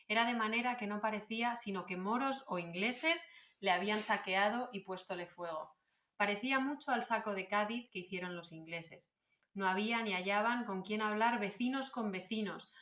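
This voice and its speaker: A woman from Salamanca with a Spanish accent, co-hosting a history podcast. She throws in quick reactions and reads old passages aloud steadily. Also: medium pitch, fairly bright tone. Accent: Spanish from Spain. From Salamanca, Spain. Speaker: podcast co-host. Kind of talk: casual history podcast chat. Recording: roomy echoing room.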